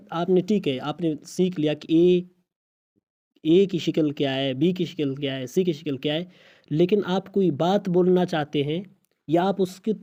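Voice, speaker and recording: Male teacher, mellow and warm, patient step-by-step explaining, drawing out each sound. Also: on the high side. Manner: patient and explanatory, repeating sounds slowly one by one. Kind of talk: online lesson in English pronunciation.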